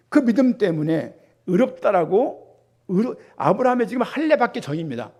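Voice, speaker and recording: Pastor, male, middle-aged, high voice with a husky edge, lively preaching to a congregation. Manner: animated preaching with rhetorical questions to the congregation. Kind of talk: sermon.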